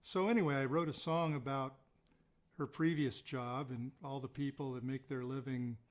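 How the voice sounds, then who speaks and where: A man's voice: mid-range voice, fairly even intonation, normal speed. Rambling chatty man on a video call. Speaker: open mic performer. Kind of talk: casual chat on a video call.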